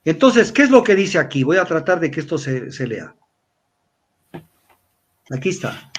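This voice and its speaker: Older male commentator from Ecuador, high-pitched, lecturing, repetitive. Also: very animated, normal speed, a little hiss or hum. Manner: lecturing, repeats words, spells letters out. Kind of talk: weekly analysis talk.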